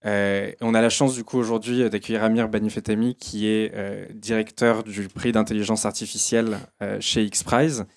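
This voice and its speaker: Low, even-toned man introducing a speaker. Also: vocal fry, dry recording, studio quality. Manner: hesitant, halting phrasing. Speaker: event host introducing a speaker. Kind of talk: informal spoken introduction.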